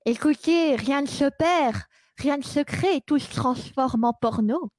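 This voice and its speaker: A woman in an improvised comedy sketch voicing a grandly confident love adviser, with drawn-out pronouncements and the slurred speech of someone wearing braces. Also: sits high, a little mellow, no room sound. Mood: grandly assured.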